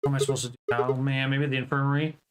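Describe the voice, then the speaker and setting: A man's voice: mid-range voice, level tone, racing, noisy background. A man playing a video game, reading its text aloud dramatically and commenting along the way. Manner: dramatic, acts out lines. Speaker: let's play streamer. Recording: voice over loud game music.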